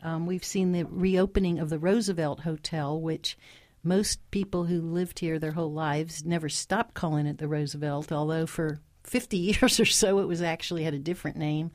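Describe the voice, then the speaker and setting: Low-voiced woman from New hosting. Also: fairly even intonation, normal speed, darkish tone, no room sound, clean studio sound. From New Orleans. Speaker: interview host. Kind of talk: casual interview.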